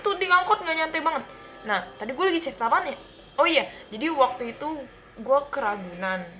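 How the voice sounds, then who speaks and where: A young woman from the Jakarta area telling a rambling story while playing a game, often breaking off to react loudly to what happens on screen. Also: high voice. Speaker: gameplay commentator. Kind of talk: casual gameplay commentary and storytelling.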